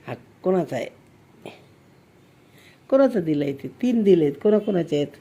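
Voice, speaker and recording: A woman's voice: fairly low pitch, very animated, normal speed, warm tone. A woman filming a home video on a handheld phone, coaxing and teasing a child, with frequent exclamations. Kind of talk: casual home video chat.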